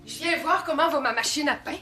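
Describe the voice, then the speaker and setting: An actress playing a fussy, precise middle-aged French teacher, over background music. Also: female voice, high voice, fairly quick, close to an everyday voice. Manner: precise, correcting diction, insistent. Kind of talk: TV drama acting.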